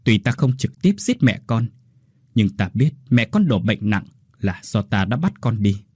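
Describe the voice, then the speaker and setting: A man voicing a dying older woman who speaks gently and with remorse in a ghost story. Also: lowish voice, sing-song, a little slow, slightly rough, no room sound, clean studio sound, exaggerated voice. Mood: tender. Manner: soft and tender.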